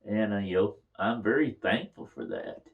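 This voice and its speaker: Older man, low voice. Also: huge pitch swings, normal speed, gravelly, phone-quality sound. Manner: folksy, chuckles through his stories. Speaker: storyteller. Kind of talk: casual reminiscing.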